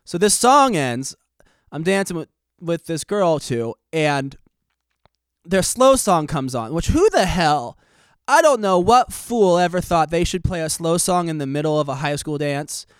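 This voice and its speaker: Rambling twenty-something podcast host, smooth voice. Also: male voice, a little high, expressive, measured pace, dry recording, clean studio sound. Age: 20s. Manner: rambling, self-deprecating, jokey. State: slightly out of breath. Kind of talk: casual podcast storytelling.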